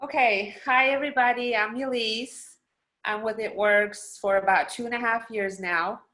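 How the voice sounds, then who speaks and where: A German woman in her forties, a guest on a video call, tells a personal story in an earnest, steady way. Her fairly high voice moves at normal speed and sounds stuffy from allergies.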